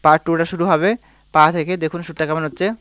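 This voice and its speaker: A man's voice: a little high, level tone, fast, over music. A man with a Bengali accent teaching a devotional song on the harmonium, explaining patiently and singing short sung phrases. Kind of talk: music lesson, explaining and singing examples.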